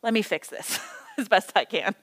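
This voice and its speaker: A woman's voice: medium pitch, normal speed. A middle-aged woman leads a small group Bible study in a casual, chatty voice. She drifts into stories and self-deprecating side remarks. The sound is dry and close, with no room echo. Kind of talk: casual teaching talk. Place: small indoor group meeting.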